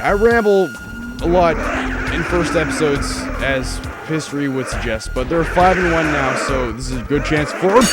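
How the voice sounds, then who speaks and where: Hoarse, sick young man rambling over a game. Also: fairly high pitch. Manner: rambling, joking. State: hoarse, voice cracking from illness. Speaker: Let's Play host. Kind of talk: video game commentary.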